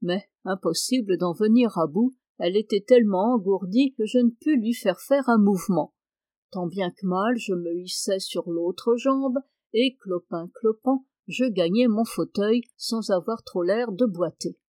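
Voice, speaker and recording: A woman reads a classic novel aloud as an audiobook narrator, in a measured, expressive way. Her voice is medium-pitched, and there is no echo.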